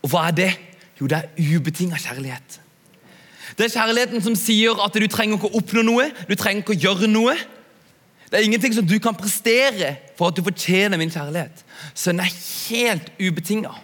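Chatty young male preacher, high voice. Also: a bit bright. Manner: chatty, asks "ikke sant?" often. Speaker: youth preacher. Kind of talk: sermon. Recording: long hall reverb.

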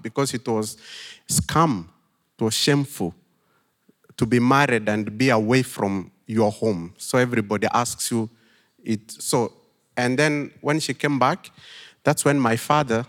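A middle-aged Kenyan man preaching at an unhurried pace, pausing often with thoughtful fillers as he tells a story. His voice sits at an ordinary pitch and carries a long reverb from a large hall. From western Kenya. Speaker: pastor. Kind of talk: sermon.

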